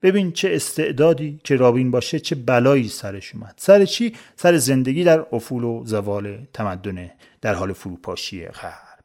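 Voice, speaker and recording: Lively sarcastic male podcast narrator. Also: medium pitch. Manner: sarcastic, mock-pious storytelling. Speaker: podcast host. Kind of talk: scripted satirical narration.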